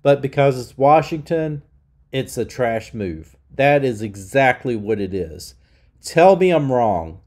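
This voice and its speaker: A middle-aged man with a mid-range, darkish voice hosts his own channel, delivering an opinion rant. He sounds nasal from being sick, yet he's expressive, heated and emphatic, and he takes his time.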